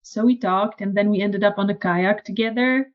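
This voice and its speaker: Czech-accented woman, muffled audio. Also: moderate pace. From Czech Republic. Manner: animated, acts out quoted lines in a higher voice. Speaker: podcast guest. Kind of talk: casual interview storytelling.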